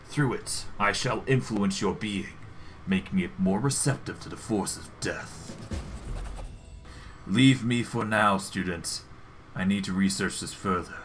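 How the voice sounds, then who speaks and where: A man voicing an imperious, irritable undead lich mentor from a fantasy game, speaking in a formal, measured, pompous way. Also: sits low, fairly bright tone, faint music behind. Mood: grave, scholarly. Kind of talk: game dialogue read aloud in character.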